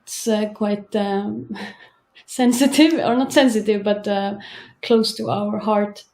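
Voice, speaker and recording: Slow, halting woman musician. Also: mid-range voice, fairly even intonation, a little mellow. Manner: halting, thoughtful, many pauses. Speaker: band member. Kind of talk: casual interview.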